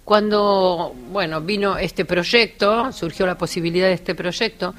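A woman with an Argentine accent, a singer chatting as a guest on a radio show, talking warmly and laughing easily. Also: lowish voice, measured pace. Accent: Argentine Spanish. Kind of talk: casual radio interview.

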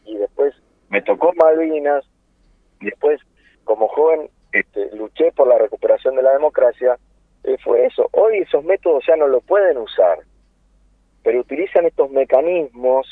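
Speaking by telephone in an impassioned political interview, this Argentine activist of about sixty has a mid-range voice with a breathy edge and lively intonation. He keeps a moderate pace and sounds earnest, using many fillers and rhetorical questions. The phone line is tinny and dry.

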